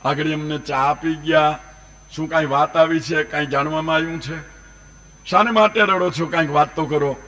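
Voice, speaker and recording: A kindly old wandering holy man, voiced by a male storyteller, asking gentle, concerned questions. His voice is bright and fairly high, with a warm, carefree manner in a spoken folk tale. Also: steady tone, normal speed, close to an everyday voice.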